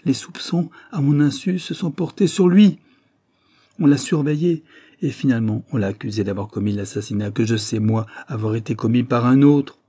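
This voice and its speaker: A man's voice: medium pitch, normal speed, mellow, breathy edge, no room sound, clean studio sound, lightly acted. A man reading an audiobook, voicing an anguished, guilt-ridden young man who confesses and breaks into desperate outbursts. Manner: tormented, rising to desperate outbursts.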